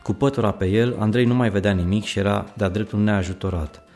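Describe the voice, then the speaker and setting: A man with a fairly low voice reads a children's story aloud, lively and expressive. Faint music plays quietly under his narration.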